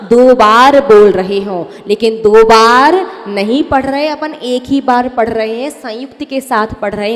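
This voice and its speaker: High-voiced woman teaching slow chanting. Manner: slow, deliberate, repeats words to correct pronunciation; chants verses in a sung melody. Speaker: devotional recitation teacher. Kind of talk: teaching correct chanting of a Sanskrit hymn. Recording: long hall reverb with faint music.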